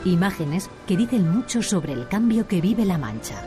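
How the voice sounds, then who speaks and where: A woman reading scripted documentary narration in a calm, measured manner. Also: on the low side. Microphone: studio voice-over. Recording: voice-over with music behind.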